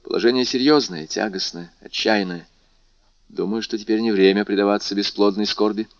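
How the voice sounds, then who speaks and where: A man's voice: on the low side, steady tone, fairly quick, dry recording, lo-fi sound, natural voice. A man reading aloud and playing a passionate, determined young man in love, earnest and intense.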